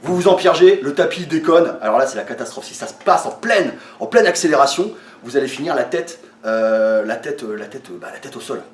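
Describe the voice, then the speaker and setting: A fitness coach with a mid-range voice, speaking animatedly and a little fast, explains a training method to his viewers, whom he addresses as friends. He sounds a little tired and hesitant, with lots of fillers and restarts, recorded from a distance in an echoey room.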